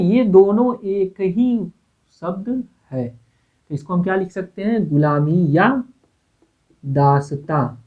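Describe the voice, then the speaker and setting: Slow, repetitive male grammar teacher. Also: sits high. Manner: repeats words, asks rhetorical questions, frequent "okay". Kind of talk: exam-prep grammar lecture. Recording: tinny phone-like lo-fi audio.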